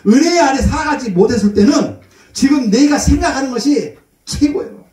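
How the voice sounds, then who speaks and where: Folksy, lively Korean man preaching. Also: very high voice, a little fast. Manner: folksy storytelling, acts out his mother's voice. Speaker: pastor. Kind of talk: sermon. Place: church. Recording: echoey church hall, voice from far off.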